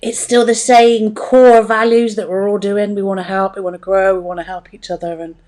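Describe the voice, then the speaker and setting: Female podcast host, mid-pitched, informal and rambling, chatty interview delivery. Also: flat delivery, normal speed, darkish tone.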